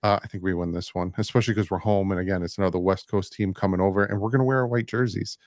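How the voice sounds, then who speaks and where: A man appearing as a guest on a sports podcast, laying out his predictions in a measured, laid-back way. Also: deep voice, fairly even intonation, darkish tone, no room sound, studio quality. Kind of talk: casual sports chat.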